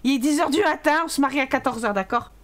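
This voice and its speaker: A young woman giving casual commentary while playing a life-sim game, animated and exclaiming, swearing when things go wrong. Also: sits high, fast. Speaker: gaming YouTuber. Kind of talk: casual let's-play commentary.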